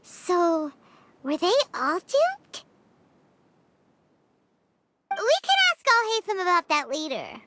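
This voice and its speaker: A little childlike game fairy with an extremely high, wildly animated voice. The delivery is unhurried and feisty, and music plays loudly behind it. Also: female voice, a little hiss or hum, full character voice. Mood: earnest, helpful. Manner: speaks of self in third person. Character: small chirpy childlike fairy companion, helpful and feisty. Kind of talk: video game voice acting.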